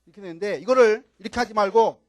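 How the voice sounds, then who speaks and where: A man's voice: high-pitched, fast talker, no echo. An older man, a professor from Chungcheong, giving a classroom lecture. He keeps asking the class questions and repeats key words. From Chungcheong, Korea.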